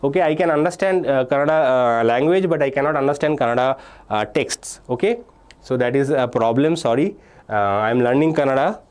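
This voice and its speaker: This mid-range, smooth, slightly mellow male voice moves briskly. It belongs to a young man from India teaching physics exam prep live online, who explains things step by step, reads student names and answers from chat, and repeats key points with "uh"s and "okay"s in between.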